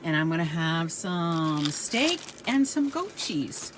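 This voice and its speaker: A woman's voice: lowish voice, takes it slowly, background noise. Playful woman vlogging at a campsite. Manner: mock-grand, teasing, lively. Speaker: vlog host. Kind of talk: playful camping vlog chat. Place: outdoor campsite.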